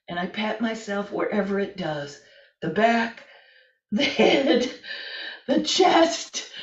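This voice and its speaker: A woman in her late sixties, a fitness and yoga instructor, gently talking a class through exercises from the floor at home, chatty and self-deprecating. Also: on the low side. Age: 60s. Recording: roomy, distant, slightly dull home video.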